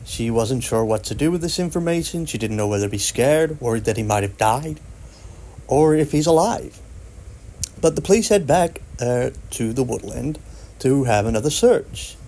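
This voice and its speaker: A man's voice: medium pitch, expressive, moderate pace, mellow. A man casually retelling a strange story in a rambling, conversational way, with fillers and restarts.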